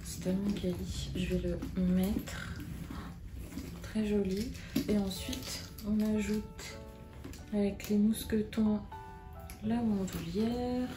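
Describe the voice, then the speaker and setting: A woman's voice: mid-range voice, steady tone, slow, long pauses. A young woman casually chatting in a vlog, showing purchases and unboxing a bag, hesitant and full of fillers. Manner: chatty and hesitant, with many fillers and little interjections. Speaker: vlogger. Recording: roomy sound with music behind.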